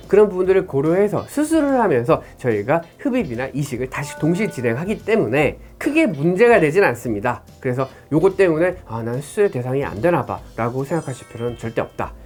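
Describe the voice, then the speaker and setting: A woman plastic surgeon explaining procedures in an informational clinic video, talking rapidly and animatedly. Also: low-pitched, a little mellow.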